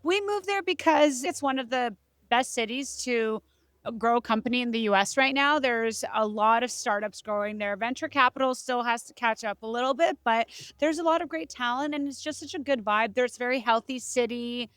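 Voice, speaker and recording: A woman's voice: a little high, normal speed, clean tone, no room sound. Upbeat woman, dry close sound. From Canada. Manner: energetic, upbeat, laughs often. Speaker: podcast guest, startup co-founder. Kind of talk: casual podcast interview.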